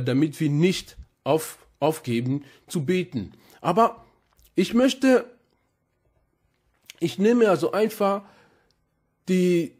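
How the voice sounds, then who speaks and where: Give me a man preaching slowly, stopping and restarting often, with a husky voice. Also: high-pitched. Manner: halting, with many restarts and repeated words; punctuates with "Halleluja". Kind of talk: sermon.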